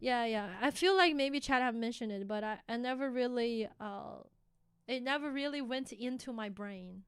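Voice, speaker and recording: Bright, clear-voiced woman streamer. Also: fairly high pitch, moderate pace, no echo, studio quality. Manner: chatty and giggly, many fillers, musing over English words. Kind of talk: casual live-stream chat.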